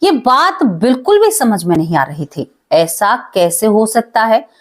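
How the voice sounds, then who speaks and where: A woman's voice: a little high, sing-song, measured pace. A woman narrating a dramatic supernatural story with emotion, often addressing her listeners as friends.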